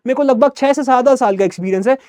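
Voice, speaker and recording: Young guy english teacher, pretty high voice, hyped big-brother vibe, dry sound. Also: fast talker, darkish tone, clean tone, no echo. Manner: friendly big-brother tone, keeps asking "है ना?". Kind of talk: energetic motivational online class.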